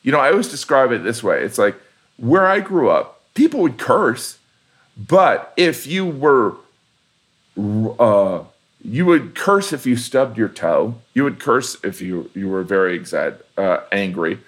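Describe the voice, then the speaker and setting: Brief: Midwestern man, comedian guest, expressive swooping delivery, mid-range voice. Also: medium pitch, a little slow. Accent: Midwestern American. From Indiana. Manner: animated storyteller, shifting into voices for quotes. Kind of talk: casual conversation.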